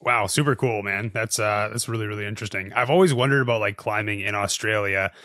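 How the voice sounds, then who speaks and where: A man's voice: fairly low pitch, steady tone, quick pace, sharp tone, no echo, studio quality. A man from Canada, co-hosting a podcast in an upbeat, enthusiastic way. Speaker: podcast co-host. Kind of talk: casual podcast chat.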